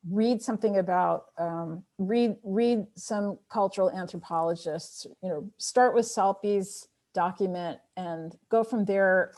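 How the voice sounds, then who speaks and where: Answering audience questions in an online Q&A, a woman author who grew up speaking Armenian is thoughtful and encouraging, laughing lightly. Her voice is mid-range with a dark tone.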